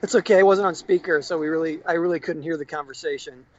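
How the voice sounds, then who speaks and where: A man talking over a phone on speakerphone from a parked car, easygoing and good-natured in casual chat, sometimes halting over his words. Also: fairly high pitch, fairly even intonation. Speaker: jiu-jitsu student, friend of a guest. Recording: muffled, dry phone-speaker sound.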